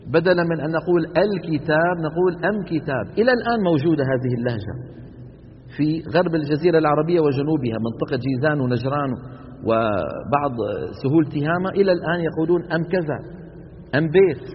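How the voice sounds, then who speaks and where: A man, his voice pitched a little high, lectures to a class and keeps asking whether they follow. The recording is dull and lo-fi, with a long reverb from the hall. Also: fast talker, slight background noise. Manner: explains by example, often checks the class with "انتبهنا؟". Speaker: Quran recitation teacher.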